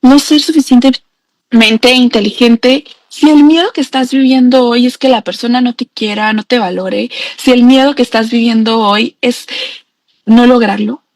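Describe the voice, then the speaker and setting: An earnest young woman shares a personal story as a growth coach, speaking intimately and straight to the listener. Her voice sits fairly high, and the recording is close and dry with no room sound. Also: normal speed, no echo. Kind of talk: heartfelt personal storytelling to camera.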